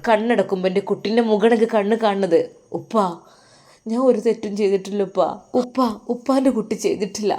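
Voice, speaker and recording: A woman's voice: medium pitch, mellow, natural voice. A woman voicing a worried aging father in a storybook tale, pleading and praying aloud, with a Malappuram Malayalam accent. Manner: pleading, prays aloud to God. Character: worried aging father searching for his son.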